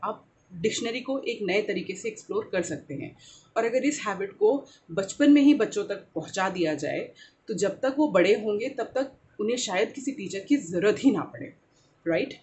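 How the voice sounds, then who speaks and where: A woman English teacher with an Indian accent explains pronunciation. She switches between Hindi and English and says each example word slowly. She often checks in with "right?" and fills gaps with "uh, you know.". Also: medium pitch, expressive, a little mellow. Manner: slow, drawn-out modelling of example words. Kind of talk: explaining to camera.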